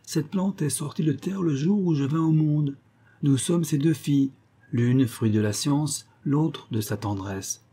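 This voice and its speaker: A gentle young woman raised among poison flowers, tender and pleading, as a male audiobook reader puts her on. Her voice sits well above his own, softly husky and mellow, in the manner of a storybook reading. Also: measured pace. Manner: soft, pleading, raised pitch.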